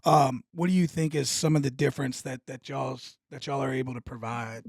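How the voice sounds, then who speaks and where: A man's voice: medium pitch, steady tone, a little fast, creaky, darkish tone, no echo, studio quality. A man in his thirties co-hosting a podcast, asking questions and affirming with "absolutely". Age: 30s. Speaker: podcast co-host. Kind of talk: interview hosting.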